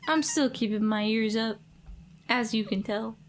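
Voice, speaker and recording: A woman voicing a drowsy, cheerful young woman reporter in a relaxed, easygoing way. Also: a little high, a little slow, faint music behind, close to an everyday voice.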